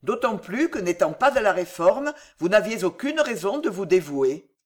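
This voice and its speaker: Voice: medium pitch, very animated, normal speed. A reader voicing an effusive Protestant nobleman. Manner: exclamatory, effusive. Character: warm, effusive Protestant nobleman greeting a hero. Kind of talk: audiobook character reading.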